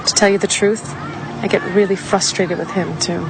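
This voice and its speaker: A woman's voice: medium pitch, steady tone, normal speed, vocal fry, music in the background, crowd noise, lightly acted, poor audio. A woman acting as a middle-aged mother of a psychic boy, earnest and explanatory, in a naturalistic film drama. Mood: earnest, confiding.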